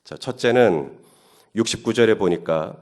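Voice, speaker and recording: Here a pastor preaches at a Holy Week service early in the morning. His lowish, darkish voice is expressive and a little slow, and his conversational talk climbs toward emphatic questions.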